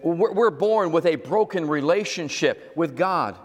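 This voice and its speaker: A male pastor preaches to his congregation, explaining a word slowly and then repeating it. He checks that his listeners follow and asks them to say it back to him. His voice sits a little high and carries a long hall reverb. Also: expressive. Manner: teaching, repeats key words, asks the congregation to respond. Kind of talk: sermon.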